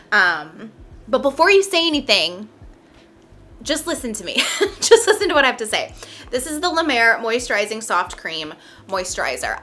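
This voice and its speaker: A woman's voice: mid-range voice, bright, forceful tone. A young adult woman vlogger chatting casually about her favorite makeup and skincare, full of filler words and light laughs. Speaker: beauty vlogger. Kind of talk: casual product review chat.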